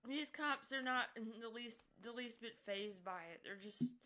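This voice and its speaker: A woman's voice: on the high side, moderate pace, pushed and bright. A woman streamer giving casual live commentary on a video, chatty and amused, laughing often.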